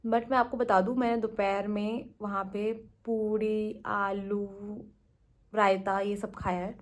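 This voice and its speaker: A young woman with an Indian accent, chatting quickly and casually as a vlogger. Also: mid-range voice, level tone. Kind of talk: casual vlog chat in Hindi-English mix.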